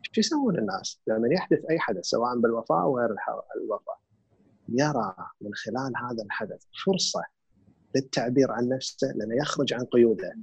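A man with a Gulf Arabic accent calmly explains emotions and grief, mixing in English words. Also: mid-range voice, fast, breathy edge, no room sound. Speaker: guest speaker on grief and emotions. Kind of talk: reflective conversational explanation.

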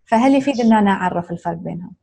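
Woman asking long thoughtful questions, talks fast. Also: mid-range voice, animated, gravelly, warm tone, husky. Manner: thoughtful, rephrases her questions at length. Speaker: interviewer. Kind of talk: conversational interview questions.

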